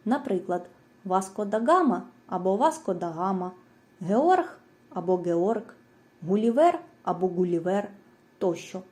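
Woman, lesson narration, warm mellow tone, measured, clear. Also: medium pitch. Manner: clear, measured, reads out lists of examples. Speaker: teacher. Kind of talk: scripted educational narration.

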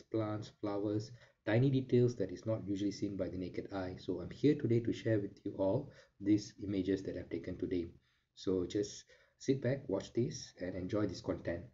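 A man's voice: fairly low pitch, warm tone, lo-fi sound. A young man hosting a casual travel vlog, explaining things in a friendly way with some fillers. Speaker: vlog host.

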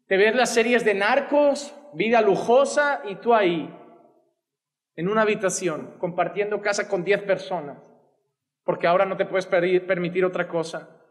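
A man in his thirties with a Spanish accent from Spain preaches passionately as a pastor, sweeping his arms wide behind a wooden pulpit on a church stage. His voice is high and moves at a normal speed. A pulpit gooseneck mic picks him up with a big-room sound.

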